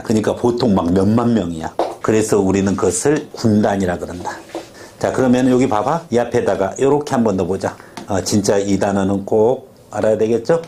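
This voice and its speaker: A man's voice: on the low side, warm tone, slight background noise. A man teaching a vocabulary class, quizzing his students, drilling pronunciation and drifting into stories.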